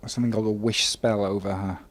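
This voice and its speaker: A man narrating a tabletop game as game master, relaxed and full of ums and uhs. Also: on the low side, fast talker.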